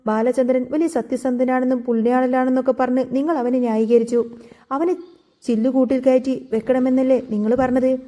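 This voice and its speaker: A woman narrator voicing a scornful, scheming middle-aged woman who mocks and shouts taunts in a storybook retelling. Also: sits high, fairly even intonation, moderate pace, lightly acted.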